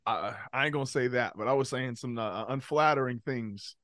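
A man on a podcast telling a story in casual chat, profane and animated, often laughing. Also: medium pitch, normal speed, dry recording, studio quality. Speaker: podcast co-host.

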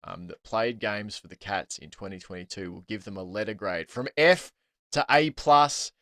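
An Australian man hosting a casual sports podcast, chatty and quick to laugh, with plenty of ums. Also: lowish voice, fairly bright tone, no room sound, studio quality. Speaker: podcast host.

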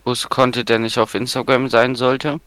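A man's voice: medium pitch, little pitch movement, normal speed, a bit bright, no room sound. A young man chatting casually as a podcast co-host in a blunt, teasing, slangy way. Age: young adult. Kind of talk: casual chat.

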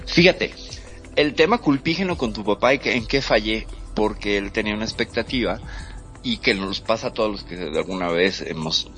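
A man hosting a talk show, lecturing in an expressive way that swings between loud and soft. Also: on the low side, moderate pace, faint music behind. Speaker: host. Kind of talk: reflective talk show commentary.

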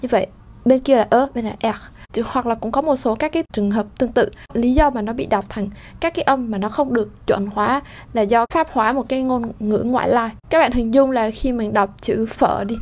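Woman teacher, higher pitch, patient explanatory lesson delivery. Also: fairly quick, a little mellow. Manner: explanatory, many fillers, demonstrates vowel sounds. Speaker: French pronunciation teacher. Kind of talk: spoken lesson.

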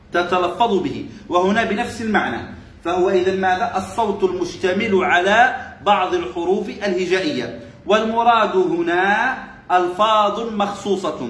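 A man's voice: sits high, a bit bright, reverberant, a little hiss or hum. A male religious teacher giving a classroom lesson, repeating key phrases and quizzing his listeners with short questions.

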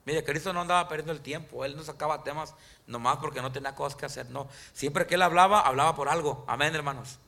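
A man preaching a Spanish-language sermon in church, calling out to the congregation and often asking them questions, slowing down when he quotes scripture. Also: steady tone, vocal fry. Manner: rises in pitch and loudness for emphasis, slows on scripture quotes. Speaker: pastor.

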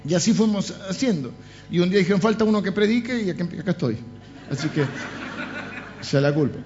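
A middle-aged man with a Rioplatense Spanish accent tells funny anecdotes from the pulpit, full of jokes and asides, in a fairly quick, high-pitched voice. The recording is dull and lo-fi, with a noisy background and faint music.

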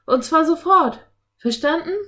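A woman's voice: medium pitch, lively intonation, a little slow. A woman reading a children's audiobook, voicing a nervous, bookish young boy who groans and grumbles with exasperation. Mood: anxious boy.

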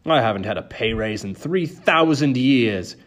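A man voicing a greedy, grumbling male ferryman of the dead in an audiobook reading, gruff and self-pitying. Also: mid-range voice, lively intonation, moderate pace, lightly acted.

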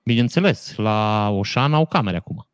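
A man's voice: fairly low pitch, animated, clear, resonant tone, dry recording. A man, co-hosting a casual chat and giving long technical explanations with dry jokes. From Romania.

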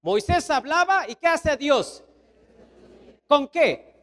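A middle-aged man with a Mexican accent, preaching a sermon as pastor, telling lively stories and tossing rhetorical questions at the congregation. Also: takes it slowly. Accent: Mexican Spanish. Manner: animated storytelling preacher, sweeping pitch swings, rhetorical questions.

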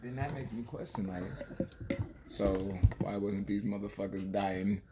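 A man's voice: lowish voice, unhurried. Man, podcast co-host, blunt emphatic delivery, noisy recording. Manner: emphatic, profane. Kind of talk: casual chat. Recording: loud background noise.

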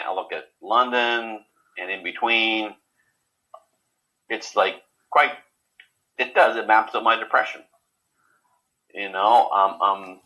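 A man in a casual interview, talking haltingly with many repeated words and fillers. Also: lowish voice, sharp tone, low-quality recording. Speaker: guest.

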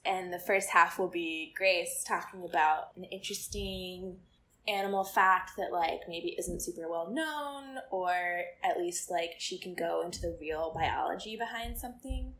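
A woman's voice: lowish voice, fairly bright tone. A young woman co-hosting a casual podcast, chatty and giggly, with many "like" fillers. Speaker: podcast co-host.

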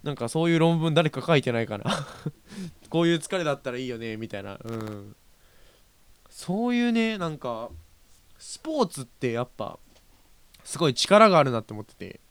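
Chatty young man with a smooth voice. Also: a little high, very animated, normal speed, no room sound. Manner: chatty, rambling, self-correcting, laughs often. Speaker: podcast host. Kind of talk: casual solo radio-style talk.

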